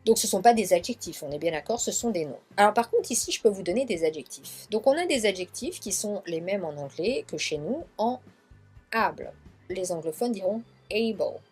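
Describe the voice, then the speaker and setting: A French-speaking woman teaching English pronunciation, repeating each model word slowly several times. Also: medium pitch, expressive, a little mellow, slightly rough, soft background music. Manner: slow, drawn-out repetition of model words. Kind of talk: pronunciation lesson.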